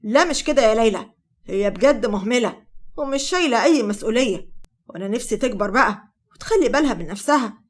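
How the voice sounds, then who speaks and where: A woman's voice: a little high, animated, fast. A woman doing a shy, earnest Egyptian young man. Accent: Egyptian Arabic.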